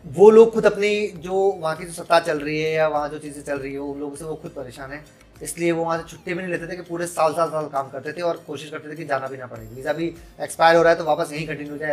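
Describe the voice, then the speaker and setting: A man's voice: on the high side, steady tone, fast talker, soft background music. A man in his thirties, a podcast guest who talks frankly and with strong opinions, dropping English phrases into casual interview talk.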